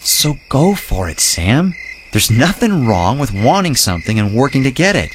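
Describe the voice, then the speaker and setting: An actor playing a firm but gentle middle-aged father in an audio drama, giving measured moral guidance. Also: mid-range voice, sing-song, a little hiss or hum, lightly acted. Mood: gentle, guiding.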